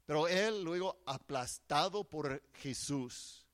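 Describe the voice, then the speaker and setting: A man's voice: a little high, animated, slow pace, a bit bright. A man preaching a sermon in an earnest, emphatic way, often restarting his words.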